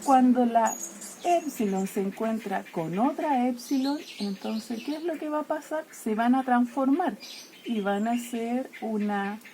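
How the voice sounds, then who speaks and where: A woman teacher explaining grammar to her students, checking in constantly with a quick "¿ya?" and playfully treating letters as if they fight and die. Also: a little high, mellow, slight background noise. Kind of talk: explaining Greek grammar lesson.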